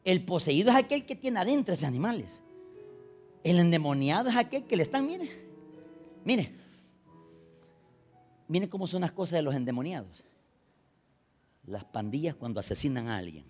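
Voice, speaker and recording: A man delivers a sermon with a lively, wide-ranging voice that sits slightly high. He drives some lines hard and drops others to a low, confiding murmur. Soft music plays behind him. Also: moderate pace, pauses often. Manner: swings between loud urgent preaching and low confiding storytelling. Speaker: pastor.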